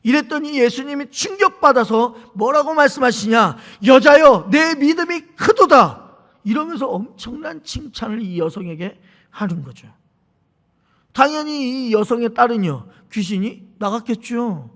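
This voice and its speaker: A man's voice: very high-pitched, animated, normal speed, fairly bright tone. A man preaching a sermon as pastor, telling stories and acting out the people in them, in a church sanctuary. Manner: storytelling, acting out the people in his examples. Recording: reverberant church hall.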